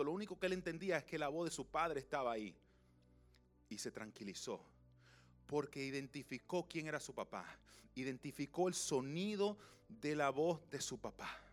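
A young man preaching a sermon, telling a personal story and moving between loud passages and hushed, slow ones. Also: on the high side. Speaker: pastor.

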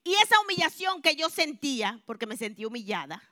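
High bright-voiced woman giving testimony. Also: fairly quick, no room sound, clean studio sound. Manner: expressive storytelling, swinging between hushed and loud. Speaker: church member giving a testimony. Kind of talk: spoken religious testimony to a congregation.

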